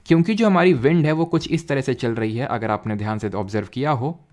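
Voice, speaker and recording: A man's voice: mid-range voice, darkish tone. Man teaching a geography lesson. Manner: drills terms by repetition, asks quick questions. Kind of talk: online geography lecture.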